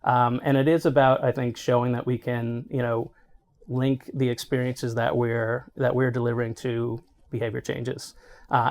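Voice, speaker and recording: With a mid-range voice marked by vocal fry, a middle-aged man answers interview questions as a healthcare marketing executive. He explains conversationally and often asks "right?" to check in.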